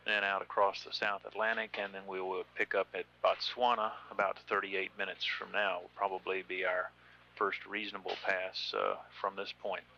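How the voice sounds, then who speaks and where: A man giving measured, matter-of-fact live commentary on a spaceflight as mission control's announcer. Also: low-pitched, level tone, creaky, pushed and bright. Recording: slightly noisy, dull broadcast line.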